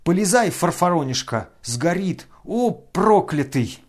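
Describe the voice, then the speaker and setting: A man's voice: sits high, very animated, unhurried, pitched above the performer's own voice, full character voice. A man reading an audiobook who voices a greedy, frantic hanger-on roaring in a frenzy.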